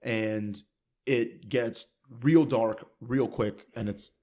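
A man, a stand-up comedian, talking in a casual podcast chat in a blunt, profane, animated way. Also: medium pitch, extremely slow.

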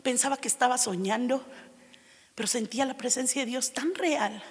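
High-voiced woman preaching in a hall. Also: normal speed. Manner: expressive, shifting between loud declarations and hushed intimate tones. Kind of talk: sermon.

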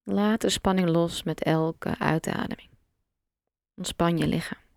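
A woman guiding a relaxation meditation, giving slow, calm, soft instructions with long pauses. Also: on the low side, gravelly, no echo, studio quality. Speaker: meditation guide.

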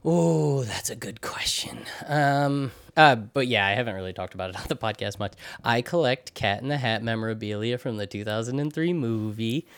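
A man co-hosting a podcast in casual chat, joking and animated, laughing often. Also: mid-range voice, normal speed, hardly any pauses, dry recording. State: out of breath. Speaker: podcast co-host.

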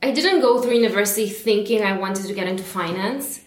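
A woman's voice: medium pitch, fairly quick, reverberant. A woman in her thirties from Romania, a guest on an interview podcast, telling her story in a chatty way with frequent laughs. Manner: warm and chatty, laughs often, uses fillers.

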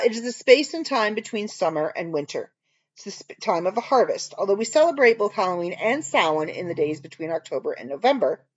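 Low-voiced woman telling an earnest story. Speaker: podcast host. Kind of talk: casual monologue. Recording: dull lo-fi recording.

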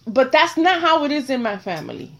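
A middle-aged woman hosting a casual chat, speaking bluntly and with animated swings between quiet and loud. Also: sits high, fairly quick. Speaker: host.

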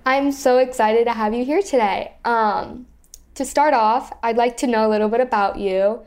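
A woman's voice: on the high side, normal speed, darkish tone, clean tone. A young woman hosting an interview, asking eager, prepared questions. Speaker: student interviewer. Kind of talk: interview host.

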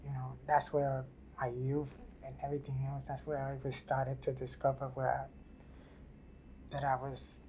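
An older woman from New City, telling her life story haltingly in an oral history interview. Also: extremely low pitch, monotone, a little mellow, a little hiss or hum. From New York City. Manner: halting, repeats and restarts phrases. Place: library office.

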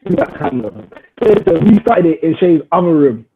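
A man's voice: a little high, expressive, normal speed, phone-quality sound, a little hiss or hum. A young man with a London roadman accent, co-hosting a podcast with casual slangy banter. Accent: London roadman, multicultural London English. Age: young adult. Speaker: podcast co-host.

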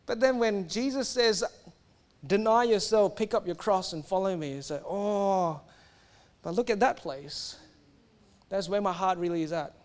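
A young man from Singapore preaching a sermon, animated and emphatic, sometimes stumbling over his words and restarting. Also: high-pitched, unhurried.

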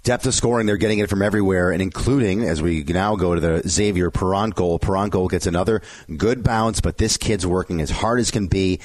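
Man, deep voice, hockey recap host, conversational, self-correcting, dry recording. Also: a little fast, hardly any pauses, a little mellow, no echo. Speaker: sports show host.

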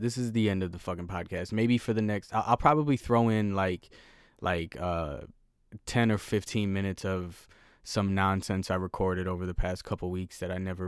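Low, dry-voiced man rambling solo. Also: clean tone, no room sound. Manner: rambling, profane, self-deprecating. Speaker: podcast host. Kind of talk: solo casual podcast monologue. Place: at home.

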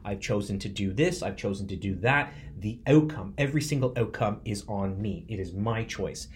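A man's voice: lowish voice, expressive, normal speed, slight background noise. A man in his forties hosting a podcast, delivering an earnest, emphatic motivational monologue. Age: 40s. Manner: earnest and emphatic, speaks from the heart. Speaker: podcast host.

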